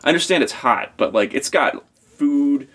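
A man hosting, breaking in with quick, casual questions. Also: fairly high pitch, lively intonation, fairly bright tone. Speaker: podcast host.

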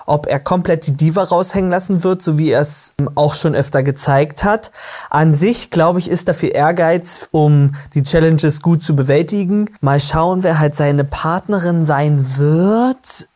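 A woman's voice: deep voice, a little slow, warm tone. A woman hosting a casual reaction podcast, chatty and gushing as she comments. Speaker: podcast host.

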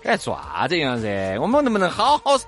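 Woman, Sichuan accent, playful co-host banter, very lively intonation, music behind. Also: lowish voice, fast talker. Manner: teasing, playful. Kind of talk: casual comic banter.

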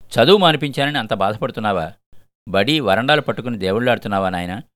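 A man's voice: fairly low pitch, expressive, fast, no echo, clean studio sound. An older man voicing a poor, tender-hearted father who coaxes his crying son, in a storybook reading. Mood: coaxing. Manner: coaxing, gentle scolding.

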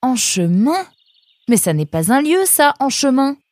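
A woman voicing a young male fox in a children's storybook, speaking high and quick to protest. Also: big pitch swings, darkish tone, no room sound. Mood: indignant.

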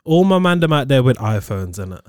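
A man's voice: medium pitch, sing-song, a little fast, darkish tone, clear, resonant tone, no room sound, clean studio sound. A man in his twenties with a London roadman accent, bantering casually in heavy slang. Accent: London roadman, Multicultural London English. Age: 20s. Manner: slang-heavy, punctuating with "bro" and "innit".

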